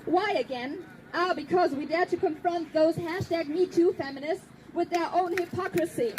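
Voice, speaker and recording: Heavy background noise surrounds a high-pitched woman delivering a prepared speech to an audience. She's a German activist and native German speaker, earnest and pointed, who slows down to stress her points.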